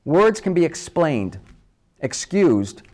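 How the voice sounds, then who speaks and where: Lively man hosting a wordplay talk. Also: fairly high pitch. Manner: playful, spells out letters slowly for emphasis. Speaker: host. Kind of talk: scripted talk.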